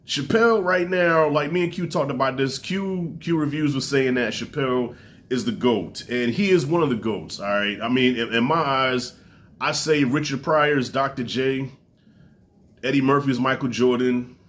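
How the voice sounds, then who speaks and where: Talking to camera about a comedy special, this congested-sounding man in his forties is relaxed and foul-mouthed, his pitch swinging widely. His pace is moderate and his tone slightly bright.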